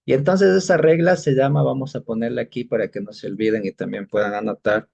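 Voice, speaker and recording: A male teacher leads an exam-prep lesson, explaining patiently and pausing often with short questions to make sure students are keeping up. His mid-range voice is quick, creaky and slightly mellow, and the audio sounds dull.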